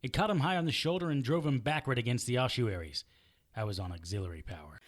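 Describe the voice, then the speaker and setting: Talking fast in a medium-pitched, near-everyday voice, this actor plays a sardonic, hard-bitten immortal warrior recounting his fights in first person. The noir audio drama carries a grim, intense, gritty feel.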